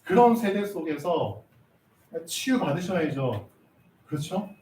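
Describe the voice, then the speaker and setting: A man's voice: high-pitched, very animated, a little slow, mellow, roomy sound, far from the mic, rough recording. A male pastor preaching a sermon, often asking his listeners rhetorical questions and stopping for their agreement.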